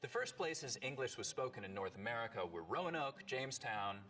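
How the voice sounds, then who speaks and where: A man working as a dialect coach, explaining accents in a clear, measured teaching narration played back from a video. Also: medium pitch, lively intonation, sharp tone.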